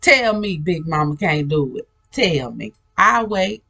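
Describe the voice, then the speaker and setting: Slow-talking woman recounting a spiritual vision. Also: low-pitched, very animated, gravelly, sharp tone. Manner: rambling with many restarts, laughing often; earnest, storytelling. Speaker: spiritual channel host. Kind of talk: casual spiritual talk about a vision.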